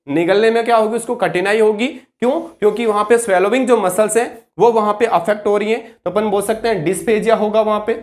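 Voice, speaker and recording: Man lecturing with self-answered questions. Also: high-pitched. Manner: asks rhetorical questions and answers them himself; slows down to stress key terms word by word. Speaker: nursing tutor. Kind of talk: exam-focused classroom lecture.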